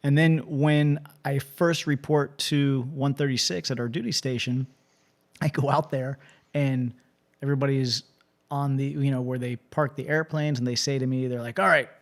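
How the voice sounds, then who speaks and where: A man hosting a casual interview, telling animated stories and often restarting his sentences. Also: medium pitch, normal speed. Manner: animated storyteller, frequent restarts.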